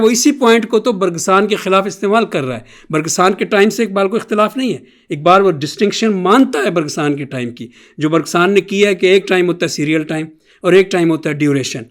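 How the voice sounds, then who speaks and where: A man with a fairly high voice gives an academic lecture in answer to a question. He explains patiently and step by step. He drops English phrases into his speech and draws them out slowly when he quotes. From Pakistan.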